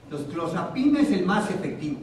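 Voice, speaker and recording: Mexican male doctor lecturing in a hospital room, high voice, mic far off, heavy echo. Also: big pitch swings, darkish tone, slight background noise. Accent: Mexican Spanish. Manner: asks the audience questions, repeats key terms slowly. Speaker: psychiatrist giving a talk. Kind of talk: psychoeducation lecture.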